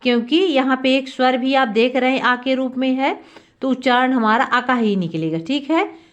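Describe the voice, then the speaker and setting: High-voiced woman teaching grammar. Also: normal speed. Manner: repeats questions and answers them herself, drawing out key sounds. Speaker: Sanskrit teacher. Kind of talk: classroom lesson explaining grammar.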